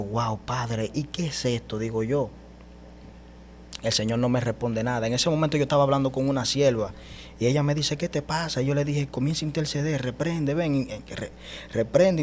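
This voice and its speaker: A man's voice: mid-range voice, a little mellow. A man recounts his spiritual experience as an interview guest, speaking with emphatic conviction. He keeps turning to the host with a familiar "brother". A faint hum sits under his voice. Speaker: guest telling his testimony. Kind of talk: animated personal testimony.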